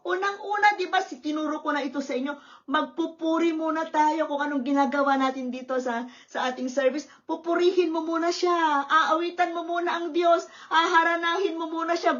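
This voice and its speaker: A woman pastor preaching a sermon at a church service, lively and often checking in with the congregation. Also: extremely high pitch, normal speed, muffled recording. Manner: lively, questioning the congregation with tag words.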